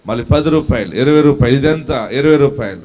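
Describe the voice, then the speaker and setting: A man preaching with a Telugu accent, his voice at an ordinary middle pitch. He asks the audience questions and tells a story from his family's past. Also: moderate pace, a little hiss or hum. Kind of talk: sermon with storytelling.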